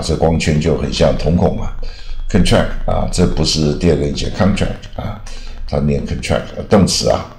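Older man, very low voice, rambling vocabulary lesson, drawn-out "ah" endings, echoey room. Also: gravelly, darkish tone. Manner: rambling, drawn-out "啊" at phrase ends. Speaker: English teacher.

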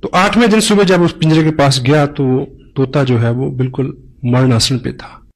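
A man's voice: mid-range voice, moderate pace, poor audio. A man giving a motivational business seminar talk, emphatic, mixing in English phrases and telling parables.

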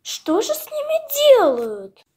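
A woman reading a children's tale aloud, voicing a timid, curious young fox cub in a raised, gentle voice. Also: high voice, sing-song, slow pace, full character voice. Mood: wistful. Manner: timid, wondering.

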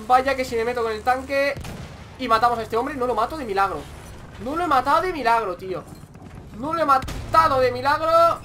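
A young man with a Spain Spanish accent giving excitable gameplay commentary, repeating phrases in quick bursts. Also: very high voice, slight background noise. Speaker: gaming YouTuber.

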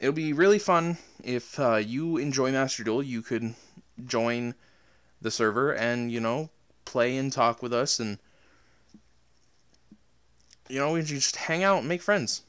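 A man's voice: mid-range voice, unhurried, pauses often, a bit bright, smooth. A man who makes gaming videos, chatting casually and rambling with many fillers and restarts. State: out of breath. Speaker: gaming YouTuber. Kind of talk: casual outro talk to viewers.

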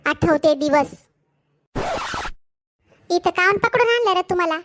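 A woman's voice: very high-pitched, lively intonation. A woman voicing a cheeky, gossipy schoolboy in a cartoon, speaking an in a teasing way. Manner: teasing, nosy, fast banter. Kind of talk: cartoon voice acting.

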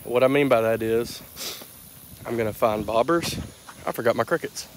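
A man's voice: medium pitch, moderate pace, slight background noise. A young man, chatting casually to a phone camera while fishing outdoors on a lake. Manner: easygoing, chatty, talks while working. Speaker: fishing vlogger. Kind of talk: casual outdoor vlog narration. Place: outdoors on a lake in a boat and on a wooded bank. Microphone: handheld phone at arm's length.

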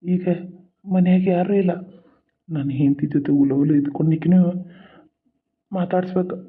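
A sly, scheming middle-aged village man from a cartoon serial, who mutters his plans under his breath. His voice sits high for a man. The sound is narrow and phone-like. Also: steady tone, normal speed, husky. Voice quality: muttering, sly asides to himself.

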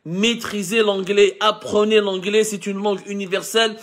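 Animated Algerian man explaining. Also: sits high, moderate pace. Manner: mixes French with Algerian Arabic, many restarts and lists. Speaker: host of a live show. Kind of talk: talking to camera, explaining to viewers.

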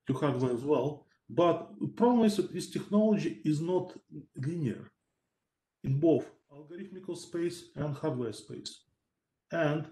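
A man's voice: on the high side, dark tone, reverberant, poor audio. A man, a researcher on a panel over a video call, talking thoughtfully with many fillers and hedges.

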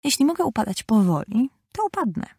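A woman's voice: very animated, brisk, warm tone, husky, no room sound, clean studio sound, full character voice. A prissy, vain little girl with a raised, affected voice, read by a woman. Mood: indignant. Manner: high, affected girlish voice. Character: youngest sister, girl, vain and prim.

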